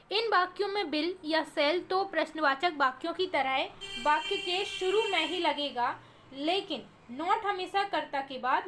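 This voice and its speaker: A woman teaching English grammar in Hindi, reading example sentences slowly and carefully and repeating words to drill pronunciation. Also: very high voice, a bit bright. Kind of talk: Hindi-medium grammar lesson.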